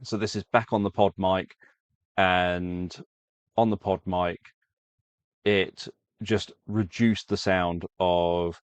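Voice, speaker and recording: Low-pitched and clean, the voice of a sleep story maker comes through with no room sound. He speaks to viewers in a relaxed way, meandering through explanations and fixing his own words mid-thought.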